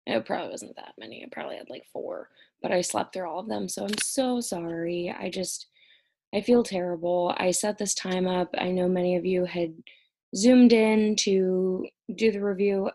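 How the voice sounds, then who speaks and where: A young woman, a college instructor, records an exam review lecture at home, explaining each topic conversationally. Her voice is lowish, gravelly, and mellow, and she sounds stressed and short on sleep.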